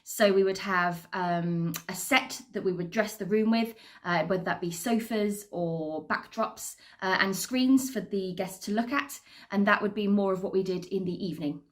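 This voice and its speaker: A woman's voice: mid-range voice, normal speed. An upbeat British woman speaks informally about her working life. She is chatty and articulate, like a cruise director at ease with talking to people. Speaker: assistant cruise director and entertainer. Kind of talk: informal career talk to camera.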